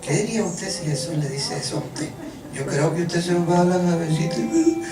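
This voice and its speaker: A preacher giving a joking, animated sermon, often stumbling over repeated words. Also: mid-range voice. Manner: animated, joking, halting restarts. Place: church hall. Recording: echoey room from far off, music behind.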